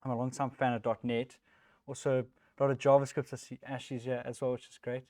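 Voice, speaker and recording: In a meetup room, a man in his thirties with a South African accent, a tech lead speaking at a developer event, keeps his talk casual and self-mocking, filled with ums. He talks fairly quickly at a medium pitch, and the recording is dry.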